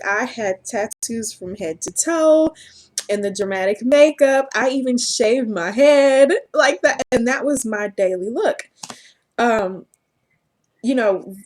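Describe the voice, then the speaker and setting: A woman telling her personal story to camera in an earnest, halting way, often laughing at herself. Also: a little high. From Southern United States. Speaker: vlogger.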